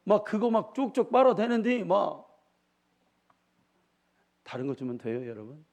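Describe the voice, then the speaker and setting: A middle-aged pastor with a lilt delivers a sermon in a slightly high voice. He tells homely stories and keeps turning to the congregation with questions. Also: big pitch swings, a little slow, darkish tone. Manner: folksy storytelling, asks the congregation questions.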